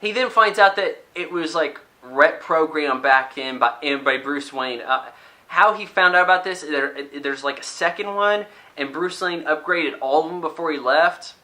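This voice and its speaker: A man with a bright, slightly high voice talks through a movie review in a loose, rambling way. He picks at the film critically and often restarts his sentences mid-thought. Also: moderate pace. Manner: rambling and critical, with frequent restarts and mock quotes. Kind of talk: casual spoken movie review.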